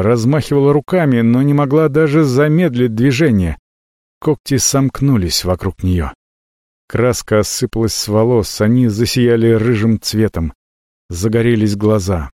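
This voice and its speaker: A man reading a fantasy audiobook aloud with expressive, dramatic narration. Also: mid-range voice, no echo, studio quality.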